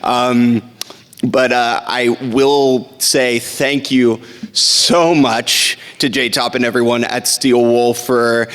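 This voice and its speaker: A man in his late twenties, a voice actor talking on a convention panel in a relaxed, hesitant way with many fillers. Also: medium pitch, slow pace, clear, resonant tone. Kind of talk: casual panel Q&A. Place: large convention hall. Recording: long hall reverb from a panel PA.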